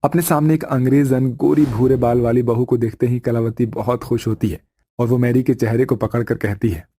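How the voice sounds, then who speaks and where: A man narrating a scripted cartoon story in a steady, even way. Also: medium pitch, moderate pace, a little hiss or hum.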